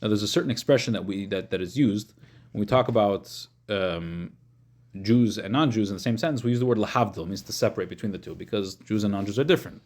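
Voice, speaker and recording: A man's voice: on the low side, quick pace, darkish tone. A man teaching an informal religious class as a rabbi, explaining in a questioning way and often repeating and rephrasing as he goes. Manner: questioning, checks in with listeners using short questions.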